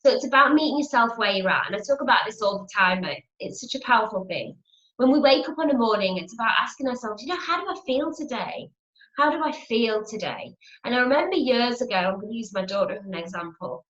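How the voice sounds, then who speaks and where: A woman's voice: a little high, expressive, quick pace, a bit bright. A woman giving a chatty motivational teaching talk as a spiritual teacher, repeating her phrases and acting out inner voices. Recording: roomy, dull lo-fi home video.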